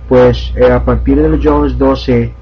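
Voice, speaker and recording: A man giving an informal step-by-step software tutorial as an instructor. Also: mid-range voice, fairly even intonation, slow pace, husky. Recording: dull lo-fi, faint background hum.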